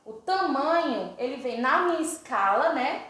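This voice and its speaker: A woman with a Brazilian Portuguese accent teaches an English grammar lesson, breaking each rule down step by step. Her voice sits high, and she slows right down for every English example. The recording has a heavy room echo. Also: animated, fairly bright tone. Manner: explains step by step, reads English examples slowly. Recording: very echoey room.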